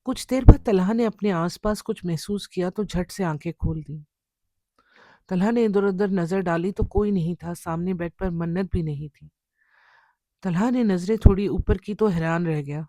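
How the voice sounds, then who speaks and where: A woman narrating a scripted horror story in a measured, dramatic way. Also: lowish voice, dark tone, no room sound, studio quality.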